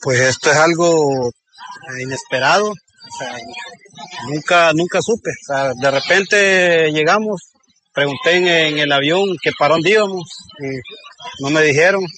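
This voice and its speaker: A man's voice: fairly high pitch, measured pace, pushed and bright. Hesitant man in a field interview. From Honduras. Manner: hesitant, searching for words. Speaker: interviewed migrant.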